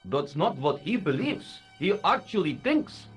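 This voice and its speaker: An actor playing a pedantic, defensive professor in a video game, with wordy explanations. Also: male voice, fairly high pitch, very animated, a little slow, faint music behind. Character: pedantic professor in a secret order.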